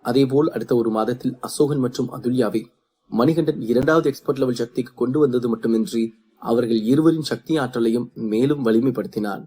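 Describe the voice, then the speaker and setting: A man narrating a serialized story in a steady, even reading voice. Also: medium pitch, fairly quick, breathy edge.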